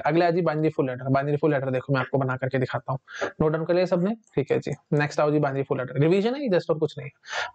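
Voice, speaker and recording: A man teaching a rushed revision lesson, asking questions and answering them himself, with filler like "ठीक है जी". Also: a little high, darkish tone, highs cut off. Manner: quick, repeats "ठीक है जी", asks and answers himself. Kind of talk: fast revision lecture.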